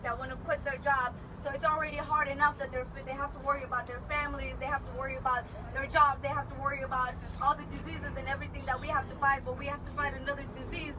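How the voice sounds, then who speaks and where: Earnest woman rallying a street crowd; higher voice, heard from a distance over traffic noise. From Somalia. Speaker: protest speaker. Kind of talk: impassioned street speech. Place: outdoor street protest.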